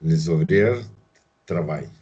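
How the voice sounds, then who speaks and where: A man's voice: extremely low pitch, lively intonation, takes it slowly, darkish tone, slightly rough, lo-fi sound. A man learning French who hesitantly repeats words after his teacher. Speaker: language student. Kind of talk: pronunciation practice.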